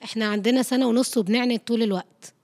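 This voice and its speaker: A woman's voice: on the high side, fairly even intonation, racing, darkish tone. A woman with an Egyptian Arabic accent, a mother asking a question and explaining her own situation at home. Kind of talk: question from the audience.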